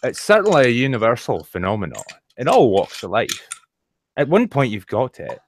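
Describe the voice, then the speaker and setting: A man putting on a Scottish accent to recite a line in a slow, chesty way. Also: medium pitch, wildly swooping pitch, a little hiss or hum. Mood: musing.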